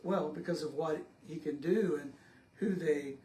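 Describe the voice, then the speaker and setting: Guy leading bible study, slow and halting, lots of ums, echoey church room. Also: fairly high pitch, a little mellow. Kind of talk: casual Bible study discussion. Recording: echoey room with faint noise.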